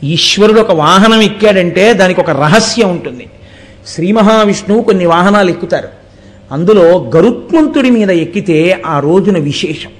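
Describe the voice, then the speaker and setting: A man with a notably high voice delivering a devotional sermon. He explains his points by asking the audience questions and reciting verses. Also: expressive, moderate pace. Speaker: religious discourse speaker.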